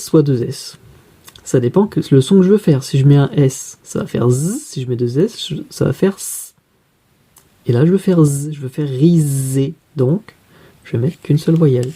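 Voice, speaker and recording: A man's voice: medium pitch, a little fast, mellow, husky. A man teaching a spelling lesson, patiently walking through each step by asking and answering his own questions.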